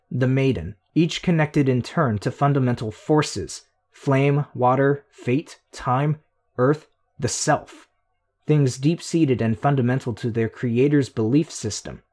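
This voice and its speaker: A fierce, sharp-tongued young woman hurls taunts and pushes hard with rising heat, as a male narrator puts her on. The voice sits a little higher than his usual and swings up when she presses her point. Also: close to an everyday voice. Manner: heated, needling, rising to near shouts.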